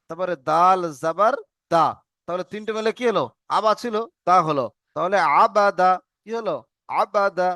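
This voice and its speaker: A man teaching an Arabic reading lesson, slowly drilling letters and syllables in call and response. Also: sits high, a bit bright, no echo, clean studio sound.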